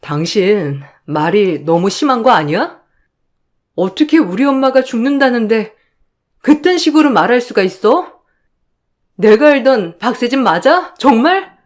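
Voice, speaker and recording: A woman's voice: a little high, sing-song, unhurried, pauses often. A woman playing a grieving daughter in a radio drama, pleading and tearful. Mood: indignant.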